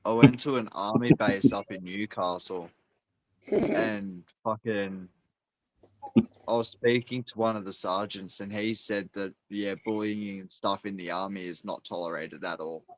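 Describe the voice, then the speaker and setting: A man's voice: lowish voice, fairly even intonation, measured pace, poor audio. An Australian man in casual chat, agreeable and slangy, with some swearing.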